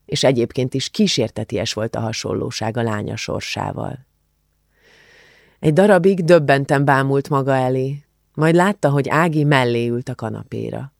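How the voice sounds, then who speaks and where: A man reading an audiobook with a Hungarian accent in measured, even storytelling. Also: mid-range voice, creaky, no echo, clean studio sound. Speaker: audiobook narrator. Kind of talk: scripted narration.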